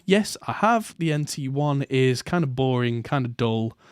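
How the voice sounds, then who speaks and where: A man's voice: medium pitch, expressive, unhurried, smooth, no echo, studio quality. A man hosting a podcast, talking casually in a rambling way with plenty of fillers and restarts. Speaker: podcast host. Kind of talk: casual chat.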